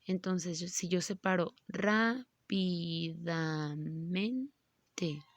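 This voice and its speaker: A woman teacher gives a grammar lesson, speaking slowly and patiently and stretching words out syllable by syllable. Her voice is mid-range, with no echo.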